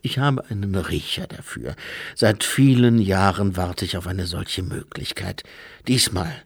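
A gruff old sweeper monk, as a man puts him on, murmuring low and close. He slips into a hushed half-whisper and takes his time. The sound is dry, as in a storybook reading. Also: measured pace, no echo, full character voice.

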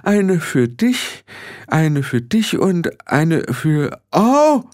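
A man's voice: on the high side, lively intonation, darkish tone, dry recording, clean studio sound, pitched above the performer's own voice. A man doing a frail, shaky old woman. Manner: trembling, slow. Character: frail, shaken older woman housekeeper.

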